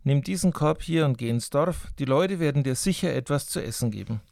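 A man voicing an old, wise male master who speaks calmly and patiently. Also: on the high side, brisk, gravelly, no room sound, studio quality. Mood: calm, sighing.

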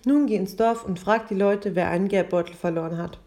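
A woman voicing a calm, gently firm mother in a storybook reading. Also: medium pitch, a little fast, natural voice. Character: patient, firm widowed mother.

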